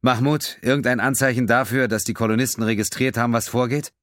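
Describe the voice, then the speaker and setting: A man's voice: medium pitch, steady tone, fast talker, a bit bright, dry recording, studio quality, pitched above the performer's own voice, close to an everyday voice. A man voicing a male starship captain giving orders in an audiobook. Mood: commanding. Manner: commanding, then sorrowful.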